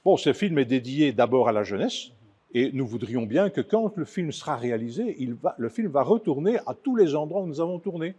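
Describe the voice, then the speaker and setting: A man's voice: medium pitch, animated, fairly quick, mellow, breathy edge. A man, an author and film producer, speaking earnestly in a studio interview and building up emphasis as he explains his plans.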